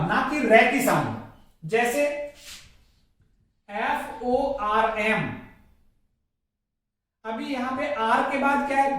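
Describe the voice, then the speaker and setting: A man teaching pronunciation, spelling words letter by letter, repeating them as a drill and contrasting wrong and right forms. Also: extremely high pitch. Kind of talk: explanatory pronunciation lesson. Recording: very echoey room, distant mic.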